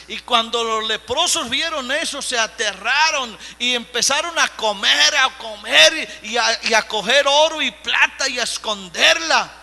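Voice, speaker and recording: A man preaching a live church sermon as pastor, emphatic and given to sudden shouts. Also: very high-pitched. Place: church sanctuary. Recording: echoey hall with mains hum.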